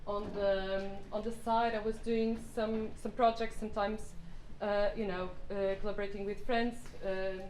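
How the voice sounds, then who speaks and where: A Portuguese-accented woman in her thirties, from Portugal, gives a hesitant guest lecture at normal speed with hardly any pauses, her medium-pitched voice darkish and showing little pitch movement. She leans on fillers and restarts, and her phrasing is slightly non-native. The lecture room sounds roomy, with faint noise.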